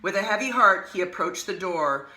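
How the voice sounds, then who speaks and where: A woman hosting an art lesson, reading a picture book aloud with expressive, animated storytelling and casual asides. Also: medium pitch, moderate pace, roomy sound. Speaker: art teacher and host.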